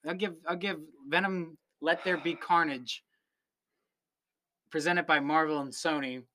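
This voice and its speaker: A man's voice: on the high side, fairly even intonation, a little slow, pushed and bright, a little hiss or hum. A man co-hosting a casual film review podcast, joking around and often repeating words as he goes. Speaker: podcast co-host.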